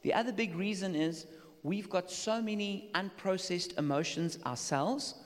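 A man with a fairly high voice preaching a sermon in short phrases that leave room for an interpreter. He acts out the replies he quotes with animated voices. The hall rings with a long, lingering echo. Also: measured pace.

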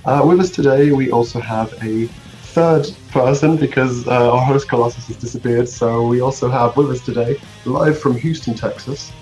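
A man chatting casually as a podcast co-host, his voice low and gravelly from a cold, with a dry, joking manner. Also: normal speed, darkish tone, soft background music, poor audio. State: has a cold.

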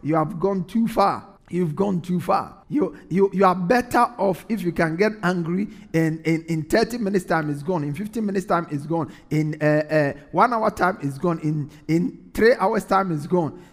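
Man, preacher, high voice, earnest, repeats lines for emphasis, reverberant hall. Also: normal speed. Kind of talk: sermon.

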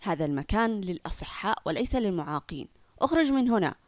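A woman's voice: fairly low pitch, fast, a little mellow, no room sound, pitched below the performer's own voice, close to an everyday voice. A woman doing a scornful, rude lifeguard. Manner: contemptuous and curt. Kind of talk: children's audio story.

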